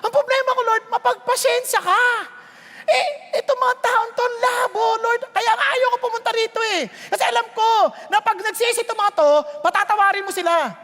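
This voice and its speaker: A man's voice: extremely high pitch, normal speed, sharp tone, pitched above the performer's own voice, full character voice. A man voicing the prophet Jonah as an indignant adult man who complains and pleads with God. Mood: indignant complaint. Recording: long hall reverb.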